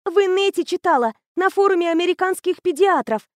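Putting on the voice of a chirpy teenage girl of fifteen, a female reader chatters fast, high and bright, full of eager know-it-all energy. Her breathless, gushing delivery tumbles out rapidly. The close, dry storybook sound carries no room echo.

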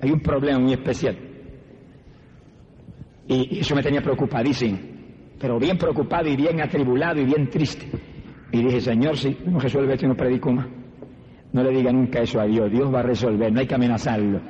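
An older man preaching a sermon as an evangelist, fervent, slowing down for emphasis and then rushing ahead. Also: medium pitch, fairly even intonation, mellow. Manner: fervent, shifting between slow emphasis and rapid bursts. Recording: old radio broadcast, dull with long reverb and faint hiss.

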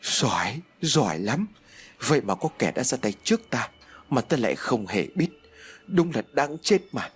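A man's voice: very animated, fast talker, slightly rough, exaggerated voice. A man voicing a grim, ruthless sorcerer. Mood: enraged. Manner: low, grave, muttering menace. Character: ruthless male sorcerer, stern and scheming.

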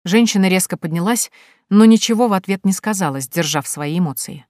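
A woman narrating an audiobook in a measured, even manner. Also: mid-range voice, no room sound, studio quality. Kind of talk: scripted narration.

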